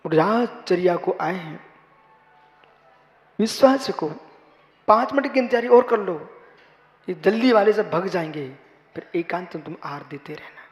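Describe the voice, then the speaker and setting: A man, a Jain monk, giving a sermon, repeating his phrases and building to loud, emphatic exhortation. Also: high voice, expressive, unhurried, long pauses. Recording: reverberant hall.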